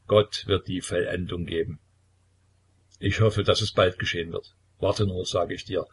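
A man's voice: sits low, fairly even intonation, normal speed, husky. Man reading a pious, firm royal aunt. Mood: consoling. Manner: earnest, urging and consoling.

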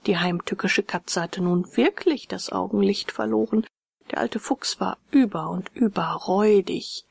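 Woman storybook narrator, gravelly husky tone, dry close sound. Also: medium pitch, a little slow, no echo.

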